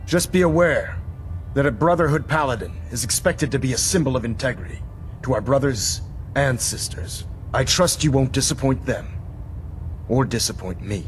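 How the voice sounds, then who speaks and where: A man's voice: medium pitch, soft background music, close to an everyday voice. Stern, formal military leader played by a man. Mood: solemn, commanding. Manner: formal, measured, authoritative oratory. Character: stern, commanding male military leader, an Elder. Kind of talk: scripted video game dialogue.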